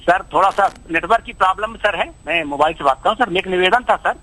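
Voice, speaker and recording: A man calls in on a mobile connection that keeps cutting out and dropping words. His voice is fairly high, bright and husky. He speaks with deference and adds "sir" to nearly every phrase. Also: fast. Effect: breaking-up mobile phone line. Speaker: caller. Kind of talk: call-in question to a TV astrologer.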